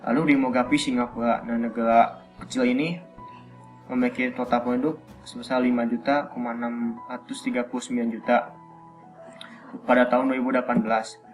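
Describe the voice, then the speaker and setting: A young man, a university student, reading figures for a class presentation, hesitant and pausing often with fillers. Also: medium pitch, flat delivery, soft background music. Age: young adult.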